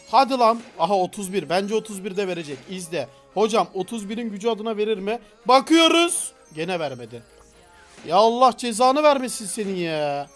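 A man with a very high-pitched voice streams a game live, commenting excitedly in slangy, playful talk. He breaks into shouts and laughter as he plays.

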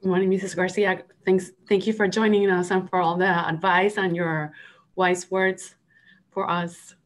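A woman's voice: lowish voice, flat delivery, moderate pace. A woman who works at a university and is starting her master's, politely introducing herself on a video call. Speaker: university staff member and student.

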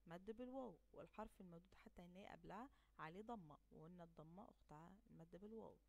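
A woman with an Egyptian Arabic accent, teaching a recorded lesson to young children. She draws out the example words slowly and clearly, and asks questions that she answers herself. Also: lowish voice, darkish tone. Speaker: primary school teacher.

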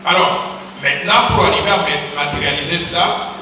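A middle-aged man from Congo speaks at a lectern into a handheld mic, explaining his case step by step and then hammering it home with emphatic repeated phrases. His voice is high and very bright. It carries through a large hall with a long, roomy reverb, and it sounds picked up from some distance. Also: a little hiss or hum. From Congo (DRC). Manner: deliberate, explanatory, rising to emphatic repetition. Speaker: politician presenting a bill. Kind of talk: public speech at a lectern. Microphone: handheld microphone.

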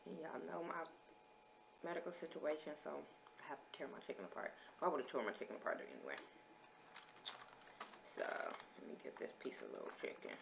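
A woman's voice: extremely low pitch, creaky, very noisy. A woman vlogger, chatting casually as she lists menu items and reviews food. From American.

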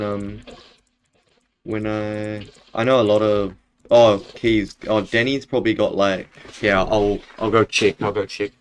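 A young man with a broad New Zealand accent chatting casually on a game stream in a laid-back, matey way, often saying bro. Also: on the low side. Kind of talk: casual live-stream chat while gaming. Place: bedroom, indoors.

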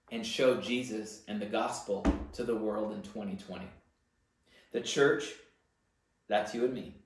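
Earnest preaching man, very echoey room. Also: medium pitch. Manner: earnest preaching, rising emphasis on key words. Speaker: pastor. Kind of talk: sermon. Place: church library room with bookshelves, indoors.

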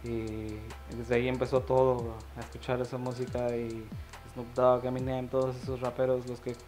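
Young man, rapper guest, slangy laid-back talk, flat low-key delivery, faint music underneath. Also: moderate pace. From Mexico. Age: 20s. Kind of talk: casual interview. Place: small music studio, indoors. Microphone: handheld mic.

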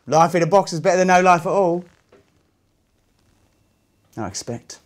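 A philosophical gangster with a Cockney accent , acted by a man in his thirties. His voice sits fairly high for a man and swings widely in pitch. He delivers a wry dramatic monologue in a chatty, musing way. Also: lively intonation, moderate pace. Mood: animated. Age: 30s. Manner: conversational, musing, swinging between muttering and exclaiming.

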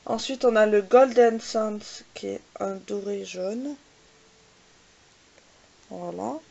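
The sound is lo-fi, and her mid-range voice is creaky and darkish. As host of a casual swatch vlog, she's hesitant, scatters "euh" and "voilà" throughout, and keeps making self-deprecating asides about her English pronunciation.

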